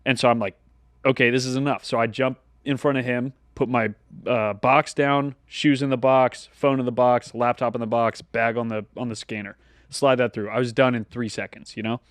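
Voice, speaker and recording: A man's voice: medium pitch, normal speed, no room sound. A man co-hosting a podcast, telling a casual anecdote and acting out the lines of the people in it. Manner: animated anecdote teller who acts out the dialogue. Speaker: podcast co-host. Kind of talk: casual storytelling chat.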